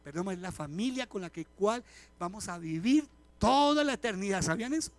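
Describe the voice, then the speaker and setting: A middle-aged man, preaching a live sermon as a pastor, animated and chatty, telling humorous stories and firing questions at the congregation. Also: high voice, a little fast, dry recording. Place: church service before a congregation.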